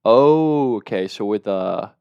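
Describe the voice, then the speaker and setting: A young man co-hosting a podcast, chatting casually about basketball, excitable and swearing freely. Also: lowish voice, slow, vocal fry, clean tone, no echo, dull audio. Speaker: podcast co-host. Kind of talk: casual sports chat.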